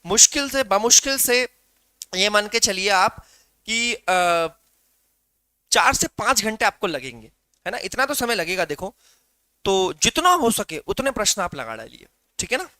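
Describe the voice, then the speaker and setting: A man's voice: high voice, big pitch swings, unhurried, pauses often, bright, forceful tone, no room sound. A male teacher giving a live online exam-prep class, explaining through rhetorical questions and calling his students "beta".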